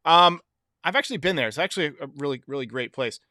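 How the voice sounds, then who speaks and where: A man hosting a sports show, giving casual opinion commentary in a conversational way, thinking out loud as he goes. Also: on the high side, lively intonation, fast talker, dry recording. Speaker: sports show host answering fan voicemails.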